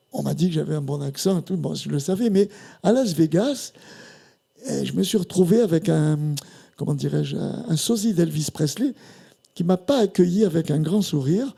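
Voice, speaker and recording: An older man with a high, gravelly voice tells a story about a tour, reading out the lines of the people he met. His tone is dark and mellow, and he speaks in a lively, theatrical way. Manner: animated storyteller acting out quoted dialogue. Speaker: guest singer. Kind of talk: telling an anecdote on a talk show.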